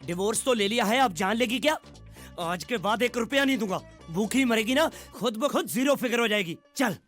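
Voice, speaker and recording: A man's voice: medium pitch, normal speed, darkish tone, soft background music, close to an everyday voice. An actor playing an exasperated young man, bickering with his ex-wife, in a film comedy. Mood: angry. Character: harried young husband stuck paying alimony.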